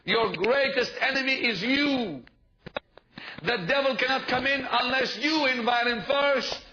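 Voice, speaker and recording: A man with a high voice preaches at a slightly slow pace, pressing the same points again and again and asking the congregation to respond. Steady noise hisses beneath the dull, muffled live audio.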